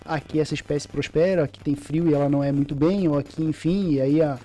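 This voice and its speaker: Mellow, fast host. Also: male voice, on the high side. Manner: relaxed, joking, asks long questions. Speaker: podcast host. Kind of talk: casual podcast chat.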